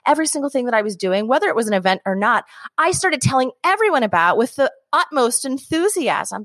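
A woman's voice: on the high side, dry recording, studio quality. A woman from New Jersey, an author guest on a podcast, talking enthusiastically and acting out little quoted voices. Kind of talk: podcast interview.

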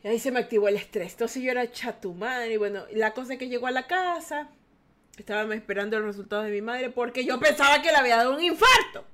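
A young woman hosting a podcast, telling a story in casual chat with a dramatic, animated delivery, acting out what others said and swearing, then censoring herself. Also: on the high side, fast. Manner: animated, dramatic, acts out quoted voices. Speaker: podcast host.

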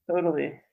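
A woman co-hosting a casual chat, relaxed and rambling, laughing often. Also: narrow, tinny audio. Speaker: podcast co-host.

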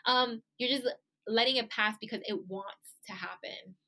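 Bright-voiced, chatty woman podcast co-host. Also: a little high, moderate pace, vocal fry. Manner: animated, chatty, swears, laughs. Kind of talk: casual podcast chat.

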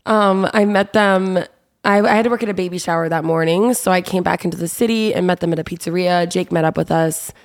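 A woman's voice: fairly low pitch, a little fast, no room sound, studio quality. A young woman with a cold, her voice stuffy and nasal, chatting casually as a podcast co-host. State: sick with a cold. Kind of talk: casual chat.

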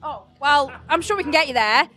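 Chatting casually with a guest, this podcast host speaks in a Stoke-on-Trent accent, being from that part of England, and stays warm and effusive throughout. Her pitch sits high, her tone is bright and forceful, and her pace is fairly quick.

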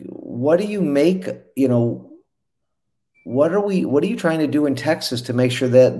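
Male host, mid-pitched, dark relaxed timbre, halting questions. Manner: halting, many restarts and fillers. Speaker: interviewer. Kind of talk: interview questions.

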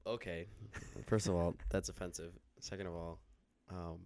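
A man co-hosting a podcast in casual chat, teasing his friend with a dry, deliberately flat delivery. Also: low-pitched, smooth. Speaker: podcast co-host.

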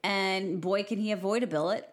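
A woman co-hosting a casual movie podcast, walking through the plot in a musing, slightly unsure way and stopping to ask questions. Her voice sits at a plain middle pitch. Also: moderate pace. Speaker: podcast co-host. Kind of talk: casual movie review chat.

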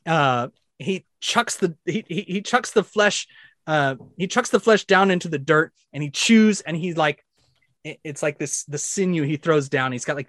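A man narrating a tabletop game as dungeon master, telling the action vividly and excitedly, with sound effects. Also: fairly high pitch, no echo, studio quality.

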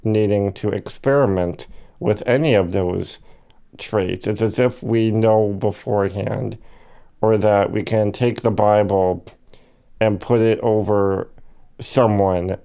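Man, slow and halting delivery, warm dark voice, smooth tone, hiccups, fillers and restarts. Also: on the low side, steady tone. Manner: slow and hesitant, many fillers and self-corrections. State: has the hiccups. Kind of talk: reflective personal monologue.

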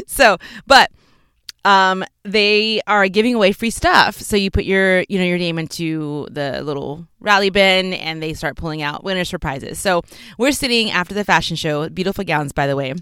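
A woman's voice: lowish voice, normal speed, fairly bright tone, clean tone, no room sound, clean studio sound. A young woman from Texas hosting her podcast in a chatty, upbeat way from inside a clothes closet, with fillers and small laughs. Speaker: podcast host. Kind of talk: casual solo podcast chat.

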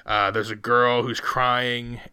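A man co-hosting a casual film review, rambling through animated retellings with quoted asides. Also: mid-range voice, takes it slowly. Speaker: podcast co-host reviewing a film.

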